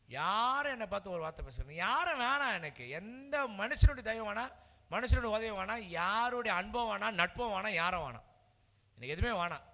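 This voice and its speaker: A man's voice: high-pitched, pushed and bright, long reverb tail. A man preaching a heartfelt sermon, repeating words with emotional, earnest delivery. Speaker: pastor. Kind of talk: sermon testimony.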